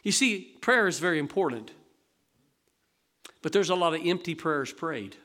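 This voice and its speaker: High, bright-voiced preaching pastor. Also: male voice, moderate pace. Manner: animated preaching, acting out voices from stories. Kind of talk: sermon. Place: church sanctuary.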